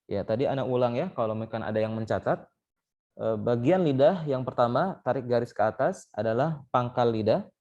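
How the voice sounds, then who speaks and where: Dark-voiced man teaching Quran recitation. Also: mid-range voice, expressive, muffled recording. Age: young adult. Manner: explains step by step, often pauses with "eh" and "baik". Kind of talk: online tajwid lesson. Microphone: online call mic.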